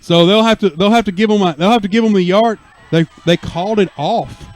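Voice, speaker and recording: A man doing folksy live American football radio play-by-play, with excited, drawn-out touchdown calls. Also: high voice. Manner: folksy exclamations and asides. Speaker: play-by-play sports announcer.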